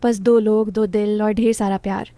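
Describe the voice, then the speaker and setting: A woman narrating a first-person romantic story in short, gentle sentences. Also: mid-range voice, level tone, moderate pace, no room sound.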